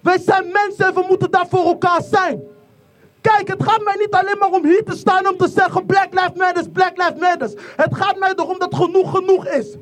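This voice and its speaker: A speaker from the Netherlands giving an impassioned protest speech outdoors, repeating lines and rising into shouts. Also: very high-pitched, flat delivery, brisk. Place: outdoor protest rally in rain. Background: faint crowd.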